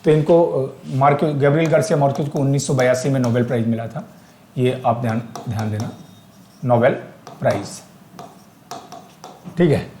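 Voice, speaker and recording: A man's voice: mid-range voice, steady tone, normal speed, long pauses, mellow, reverberant, slight background noise. A male teacher with an Indian accent giving an exam-prep lecture. He explains step by step, asks questions aloud and works English terms into his talk.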